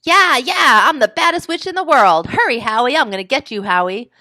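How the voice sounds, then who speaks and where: A woman voicing a bold, excited little girl in a witch costume, shouting and boasting playfully in a storybook read-aloud. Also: mid-range voice, a little fast, no room sound, studio quality, close to an everyday voice. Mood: gleeful.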